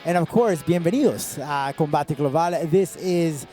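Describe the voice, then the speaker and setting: High-pitched man, lucha libre-style fight announcer. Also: normal speed, dark tone, soft background music. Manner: bilingual, mixing Spanish phrases into English. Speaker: play-by-play announcer and host.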